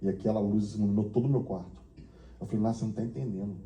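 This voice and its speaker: Um pastor contando um testemunho na igreja, narrando com emoção e imitando as falas das pessoas da história, ora baixo, ora animado. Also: male voice, lowish voice, very fast, echoey room, highs cut off. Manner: storytelling, acting out dialogue, shifting from hushed to excited. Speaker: pastor and missionary. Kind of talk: testimony sermon. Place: church.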